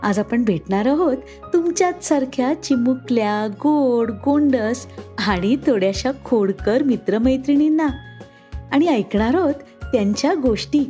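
A woman's voice: sits high, animated, a little slow, mellow, faint music behind. A woman hosting a children's story podcast, narrating in a playful, sing-song way. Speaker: storyteller host.

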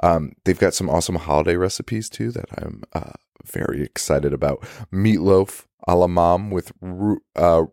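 A man hoarse with a cold, his voice cracking, doing a casual, ad-libbed podcast sponsor read as the host. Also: low-pitched, moderate pace, a little mellow, no echo, studio quality. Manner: informal, mildly profane.

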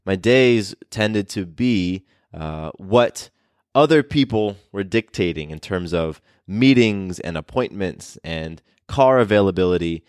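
A man's voice: deep voice, expressive, takes it slowly, clean tone, dry recording, clean studio sound. A man hosting his own podcast, talking casually and upbeat with fillers and restarts. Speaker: podcast host. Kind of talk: casual solo podcast talk.

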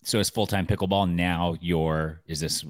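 Deep-voiced joking male co-host. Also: fairly even intonation, moderate pace, no echo, clean studio sound. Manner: loose, joking, heavy use of "like". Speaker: podcast co-host. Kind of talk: casual interview chat.

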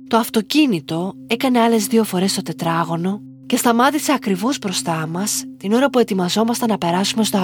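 A woman with a mid-range voice reads aloud a listener's story, told in the first person. Her scripted narration is slow and measured.

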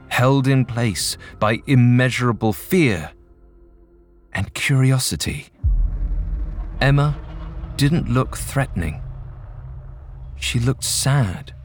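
A man narrating a ghost story in a measured, suspenseful storytelling manner. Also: mid-range voice. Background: faint music.

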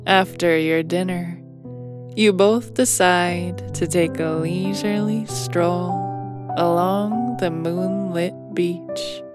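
A woman's voice: on the low side, steady tone, slow. A woman narrating a bedtime story in a soothing manner, as if tucking the listener in to sleep. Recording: piano music behind. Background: soft piano music.

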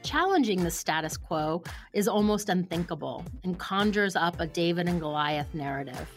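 A woman host reading a scripted introduction in a measured way. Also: on the low side, lively intonation. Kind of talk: scripted narration. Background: faint music.

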